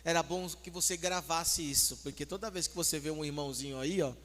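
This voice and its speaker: A man's voice: on the high side, a little fast. A Brazilian man preaching a sermon as pastor, coaxing and urging his congregation to take part. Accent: Brazilian Portuguese. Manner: exhorting the congregation, coaxing then urging loudly. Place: church hall. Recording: echoey church hall.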